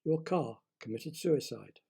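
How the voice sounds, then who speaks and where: A man playing a stony, coolly formal car salesman who speaks deliberately. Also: a little high, lively intonation, gravelly, dark tone, breathy edge, exaggerated voice.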